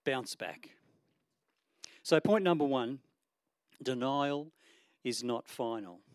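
A man's voice: medium pitch, lively intonation, slow pace, no room sound. Earnest male preacher, dry close sound. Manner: earnest and conversational, with frequent ums and restarts. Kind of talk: sermon.

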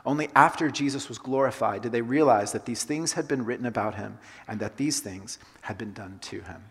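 A man's voice: mid-range voice, a little fast, slightly rough. A pastor who grew up in Colombia gives a conversational sermon, repeating his key phrases for emphasis. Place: church sanctuary. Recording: long hall reverb.

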